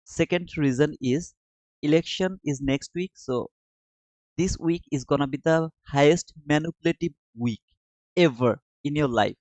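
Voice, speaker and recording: His mid-range voice has a darkish tone as the trading streamer from Bangladesh talks loosely about his live chart and engages with people in the chat. The lo-fi recording is dull and dry, with no echo.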